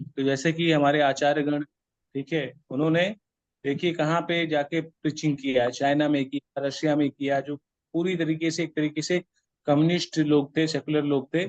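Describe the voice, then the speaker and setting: A man's voice: on the high side, a little mellow, no echo. A man leading a devotional class over a video call, explaining at length and often checking in with his listeners. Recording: dull lo-fi video call audio.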